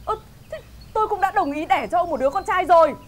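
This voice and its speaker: A woman acting in a rural comedy sketch, a wife who answers back with quick, indignant retorts. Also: very high voice, expressive. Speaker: neighbour, wife.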